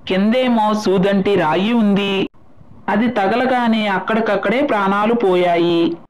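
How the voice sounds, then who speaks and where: A woman voicing a dramatic old village grandmother who talks loudly through tears. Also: mid-range voice, a little slow, lo-fi sound, lightly acted. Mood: wailing, grieving. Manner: loud, wailing, tearful.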